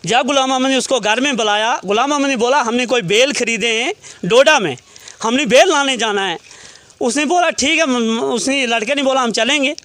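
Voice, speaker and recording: A man's voice: extremely high pitch, normal speed, pushed and bright, no echo. A man, a relative of a murder victim, recounting events to a reporter in detail and quoting what each person said.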